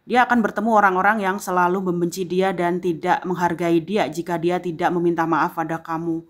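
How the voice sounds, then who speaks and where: Woman, tarot reader, low-pitched, talks straight to the viewer, repeats phrases, fills pauses with "ya". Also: fairly even intonation. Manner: addresses the viewer directly, filling pauses with a frequent "ya"; slow, emphatic repetition of phrases. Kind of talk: tarot reading monologue.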